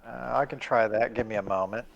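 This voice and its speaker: A man of middle pitch plays a tabletop game over a call. He talks calmly and at some length, weighing each choice before he acts. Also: fairly quick, creaky, highs cut off. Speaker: player. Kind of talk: casual tabletop play.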